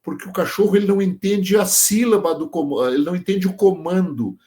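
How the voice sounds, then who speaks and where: Against a loud crowd, a man with a high, brisk voice talks as a guest on a relaxed podcast interview. A sheep dog trainer by trade, he uses farm examples to describe working dogs and makes sure the listener keeps up.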